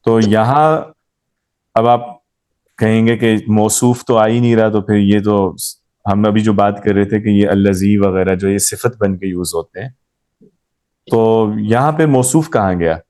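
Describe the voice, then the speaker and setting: A man's voice: fairly low pitch, a little slow, a little mellow. A man teaching a grammar class, explaining patiently and quizzing his students as he goes. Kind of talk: live class lesson.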